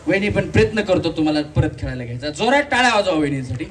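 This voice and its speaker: A man hosting a live game show on an event stage, teasing contestants and shouting rhythmic game calls. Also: on the high side, sing-song, very fast. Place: community event stage with audience. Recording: distant mic, faint crowd and noise.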